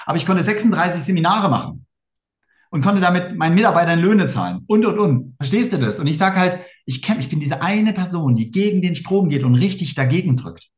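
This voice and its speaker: Fast-talking German man, emphatic. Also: high-pitched, lively intonation, reverberant. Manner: fast, emphatic storytelling, acting out quoted exchanges. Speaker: interview guest. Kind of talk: casual interview talk.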